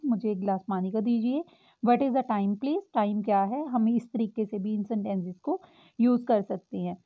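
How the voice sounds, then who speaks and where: A woman teaching English to Hindi speakers, explaining patiently and reading example phrases slowly. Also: a little high. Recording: tinny phone-like sound.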